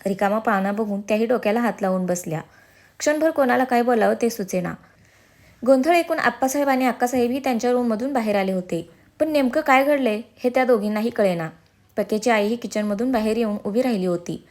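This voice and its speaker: A woman reading a serialized family story aloud as the storyteller, with steady, expressive delivery. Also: a little high, brisk. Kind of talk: storybook narration.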